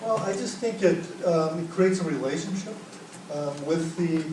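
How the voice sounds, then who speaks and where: Presenting at a workshop, a man with a fairly high voice talks at a moderate pace, guiding an open group discussion and frequently starting his sentences over. The echoey conference room is captured from afar by a room mic, leaving faint noise.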